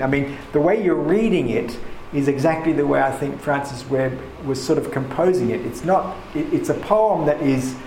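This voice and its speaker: A man leads a poetry class with enthusiasm, restarting his sentences again and again. His voice carries through an echoey room. Steady background noise hangs under it. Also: mid-range voice. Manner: enthusiastic, rambling with many restarts. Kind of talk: leading a class discussion. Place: room with paintings, a group seated.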